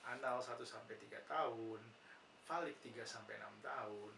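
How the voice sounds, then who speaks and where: A man's voice: mid-range voice, normal speed, bright, forceful tone. A man with an Indonesian accent teaching nursing psychology, patiently explaining and answering his own questions with frequent "ya" fillers. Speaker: nursing lecturer. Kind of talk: explanatory lecture conversation. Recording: roomy, distant mic, noisy background.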